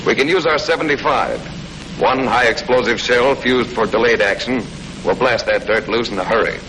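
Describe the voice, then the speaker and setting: An American man with a mid-range voice and moderate pace narrates in the vein of a 1940s military training film. The instruction is scripted and matter-of-fact, with folksy touches, and the recording is a noisy old film soundtrack from the 1940s.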